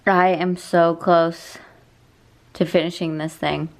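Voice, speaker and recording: A woman's voice: on the low side, level tone, slow, gravelly. A young woman chatting casually to the camera in an upbeat vlog, with self-mocking asides. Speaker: vlogger. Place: car on a road trip, then home.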